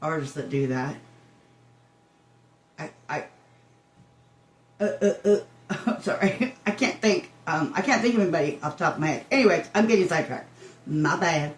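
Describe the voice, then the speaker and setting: A woman's voice: low voice, animated, moderate pace, pauses often. An older woman giving a casual reaction commentary, rambling and interrupting herself like a chatty old woman. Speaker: reaction video host. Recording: roomy echo, guitar music behind.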